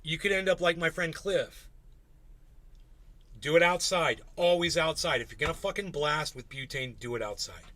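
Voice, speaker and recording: A man's voice: a little high, normal speed, bright, forceful tone, no room sound. A man hosting a casual livestream, talking bluntly to his chat and swearing freely. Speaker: livestream host.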